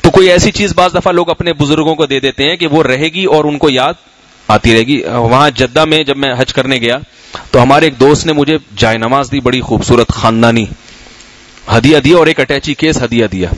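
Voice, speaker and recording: A man's voice: mid-range voice, dry recording, rough recording. Storytelling middle-aged male preacher, dry sound. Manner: conversational, anecdotal, asks the audience questions. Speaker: Islamic scholar. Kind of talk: sermon and Q&A talk.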